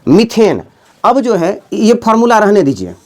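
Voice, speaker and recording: Indian guy teaching chem class, kinda high voice, keeps quizzing and repeating stuff. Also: huge pitch swings, darkish tone. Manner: repetitive, quizzing students with "समझ गए?"; spells words out slowly, chants lists. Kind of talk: classroom chemistry lesson.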